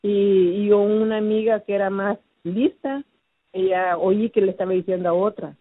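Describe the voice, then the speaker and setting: A woman giving a personal testimony, recounting her past slowly and hesitantly, with many fillers and restarts. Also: mid-range voice, fairly even intonation, husky, no echo. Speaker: testimony giver. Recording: phone-like, dry narrow sound.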